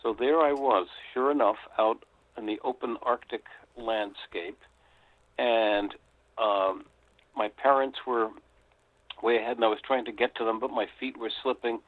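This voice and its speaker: An older American man tells his story in a reflective, unhurried way, often pausing on an "uh". His voice sits at an ordinary pitch and comes through thin and tinny, as if on a phone call. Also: no room sound. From United States. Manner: reflective, with frequent "uh" hesitations. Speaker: author and guest. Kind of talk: storytelling interview.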